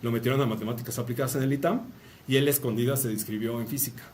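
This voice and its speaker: A man's voice: mid-range voice, fairly even intonation, very fast, darkish tone. A man with a Mexican Spanish accent gives a casual university lecture, chatty, with joking asides and a questioning "no?" tag on many of his phrases. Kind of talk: casual academic talk. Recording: distant mic with faint room noise.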